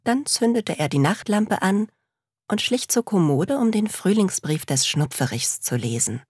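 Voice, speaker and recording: Slow, husky woman reading a story. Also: medium pitch, no echo, studio quality. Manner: slow, calm, measured reading. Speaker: narrator.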